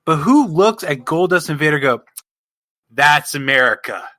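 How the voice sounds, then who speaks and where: Animated ranting man on a podcast. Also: a little high, moderate pace, dry recording. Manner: animated, exasperated ranting with swearing. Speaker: podcast co-host. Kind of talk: casual podcast chat.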